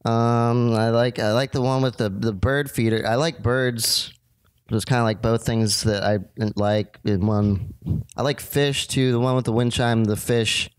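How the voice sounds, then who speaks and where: Guy doing a clueless rambling artist on a radio bit, smooth clear voice, dry sound, uhs everywhere. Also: medium pitch, fairly even intonation, measured pace, no room sound, close to an everyday voice. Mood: awkward. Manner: hesitant, rambling, many fillers. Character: bumbling amateur bottle artist, simple and rambling. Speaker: interview guest. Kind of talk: comedic radio sketch.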